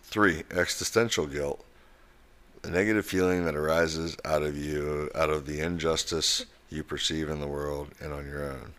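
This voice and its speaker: Very deep-voiced man giving blunt advice. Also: fairly even intonation, normal speed, a bit bright. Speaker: podcast host and coach. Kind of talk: casual advice talk.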